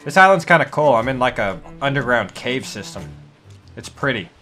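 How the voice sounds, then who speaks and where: Male gaming host, bright lively voice, joking and profane, drops into pirate slang. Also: mid-range voice, brisk, soft background music. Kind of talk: casual gameplay chat.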